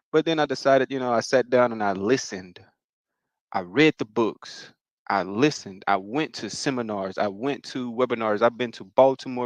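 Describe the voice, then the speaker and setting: A man's voice: medium pitch, no echo, poor audio. A young man from Mississippi, presenting a live financial workshop in a casual, encouraging way and often repeating himself. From Mississippi, United States.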